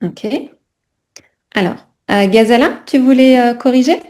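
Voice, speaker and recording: A woman's voice: fairly high pitch, a little slow, darkish tone. Woman teacher checking in constantly. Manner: keeps checking in with "d'accord?". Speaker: French teacher. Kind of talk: online class teaching. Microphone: video call.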